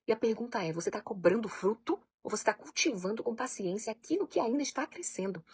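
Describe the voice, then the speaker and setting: A woman's voice: on the high side, expressive, quick pace, husky, no echo, studio quality. A woman, a parenting coach giving an earnest, emphatic faith-based talk to camera.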